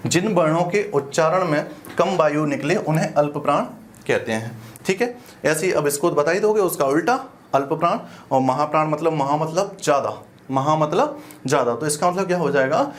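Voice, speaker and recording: Man teaching, slightly high, faint hiss. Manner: explains step by step with frequent check-in questions; colloquial, uses "apan" for "we". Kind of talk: exam-prep Hindi grammar lesson.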